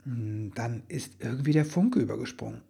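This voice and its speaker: A man voicing an anxious, earnest male Christmas elf in a storybook reading, husky, hesitant and sometimes rushing. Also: medium pitch, expressive, dark tone, heavily acted. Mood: excited. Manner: hesitant, then tumbling out words.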